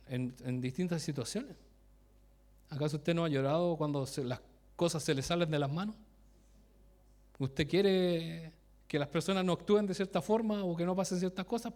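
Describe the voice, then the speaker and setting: This time the preaching man's voice is fairly high and a little mellow, at a moderate pace. His sermon is informal and conversational, built on personal stories; he interrupts himself, chuckles at his own anecdotes, and questions the congregation directly.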